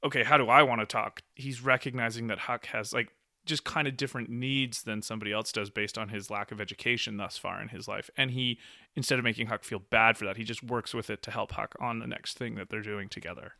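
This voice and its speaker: A man talks through a classic novel with keen enthusiasm, often breaking into laughter and playing out the lines he quotes. His voice is bright and forward, recorded close and dry with no room sound. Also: fairly low pitch, fairly even intonation, fairly quick, vocal fry, dry recording. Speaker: discussion co-host. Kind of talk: casual literary discussion.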